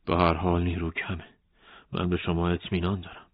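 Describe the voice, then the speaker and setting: A calm army major who persuades rather than commands, as a man narrating puts him on. The voice is low and husky. The recording is dull and lo-fi. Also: no echo. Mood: persuasive.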